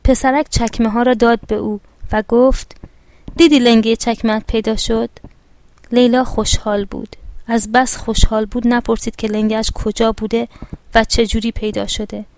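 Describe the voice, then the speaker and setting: A woman reading a children's story aloud in a calm, clear, measured way. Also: a little high.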